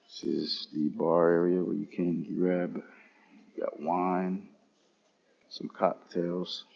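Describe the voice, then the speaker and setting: Male travel streamer, deep husky voice, casual unhurried tour of an airport lounge. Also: little pitch movement, darkish tone, lo-fi sound. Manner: casual, unhurried, talking to chat viewers. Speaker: travel vlogger. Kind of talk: live-streamed lounge walkthrough.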